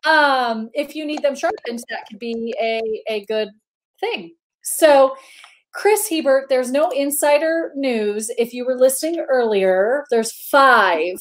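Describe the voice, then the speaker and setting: A woman from Indiana hosting a relaxed live chat. Her voice sits high and bright, and she rambles cheerfully with lots of fillers and giggles. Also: slow. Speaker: host. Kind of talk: casual live-stream chat.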